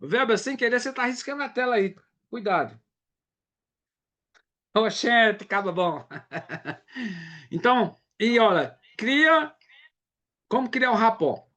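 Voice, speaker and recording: A man's voice: high-pitched, lively intonation, slow pace, long pauses, sharp tone. A man from Brazil, giving a casual live sales training and often checking in with his audience.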